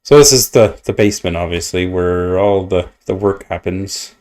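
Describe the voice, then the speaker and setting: A man's voice: sits low, normal speed, a little mellow. A man streaming himself playing a game, chatting casually and rambling, mocking himself and muttering asides as he plays at his computer. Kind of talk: casual gameplay commentary.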